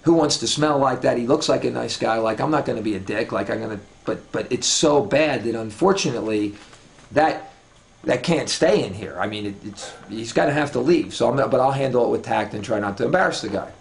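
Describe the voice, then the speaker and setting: A man with a gravelly, creaky voice spins a story in casual talk, swearing freely and circling back with restarts and asides. His pitch sits at an ordinary middle level for a man. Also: a little fast. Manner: profane, rambling with many restarts.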